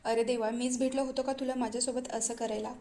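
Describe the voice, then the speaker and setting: A man's voice: very high voice, level tone, quick pace, mellow, slight background noise. A woman reading the part of a young man, a shy, teasing brother-in-law, in an everyday storytelling voice. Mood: pleading.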